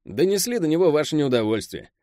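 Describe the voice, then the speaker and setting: A man's voice: fairly high pitch, sing-song, quick pace, mellow, dry recording, clean studio sound, voice pushed up. Pel, a man putting on a fawning henchman. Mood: eager deferential. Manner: eager, deferential, keeps saying "master".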